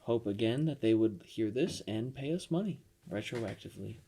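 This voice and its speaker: A man co-hosting a casual podcast, talking in a soft-spoken, fairly monotone way. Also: fairly low pitch, normal speed, vocal fry, breathy edge. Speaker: podcast co-host.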